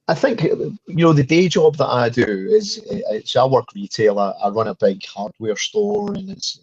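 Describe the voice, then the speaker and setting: A man's voice: fairly low pitch, darkish tone, breathy edge, dry recording. Chatty Scottish man, dull lo-fi sound. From Scotland. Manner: repeats words when starting sentences, chatty. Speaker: guest, fundraiser. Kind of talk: casual chat.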